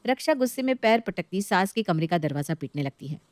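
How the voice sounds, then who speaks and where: A woman narrating a story in a calm, matter-of-fact way. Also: fairly low pitch, a little fast, dry recording.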